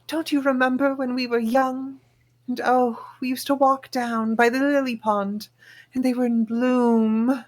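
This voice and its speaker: A woman plays a level-headed older queen who soothes her husband with gentle reason. Her voice sits quite high and stays soft and even. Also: measured pace. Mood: wistful. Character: calm, sensible older queen and wife. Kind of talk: live table read.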